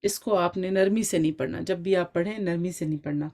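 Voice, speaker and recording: A woman's voice: on the low side, warm tone. A woman teaching Quran recitation in an online class, with speech, explaining step by step and checking in often with her students.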